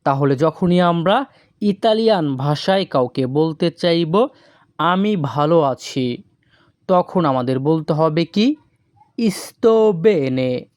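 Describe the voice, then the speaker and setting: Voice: medium pitch, animated, a little mellow, no echo, clean studio sound. A language teacher giving a scripted lesson, repeating each phrase and spelling it out word by word. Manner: says foreign phrases very slowly, word by word.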